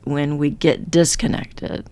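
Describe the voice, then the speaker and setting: Low-voiced woman co-host, rambling chat. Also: little pitch movement, slow, dark tone. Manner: rambling, self-correcting, laughs often. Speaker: podcast co-host; therapist or coach with clients. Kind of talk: casual chat.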